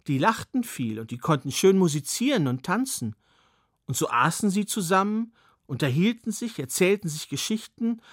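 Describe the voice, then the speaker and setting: A man's voice: on the high side, dry recording, studio quality. A man telling a fairy tale in a personal storytelling manner with occasional asides.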